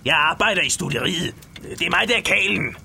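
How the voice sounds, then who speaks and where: A man's voice: high-pitched, lively intonation, creaky, sharp tone, a little hiss or hum, heavily acted. An actor voicing a meek male stable hand in a cartoon dub, talking timidly and hesitantly.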